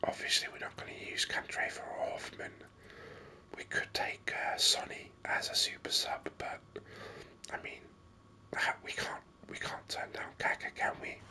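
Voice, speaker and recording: In a breathy whisper, a man provides unhurried ASMR commentary over a video game, thinking aloud close to the mic with a bright, forceful tone.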